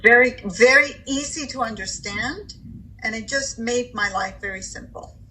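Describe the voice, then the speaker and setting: An older woman co-hosting a casual chat, speaking in an emphatic, expressive way. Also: fairly high pitch, moderate pace, low-quality recording. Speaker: co-host.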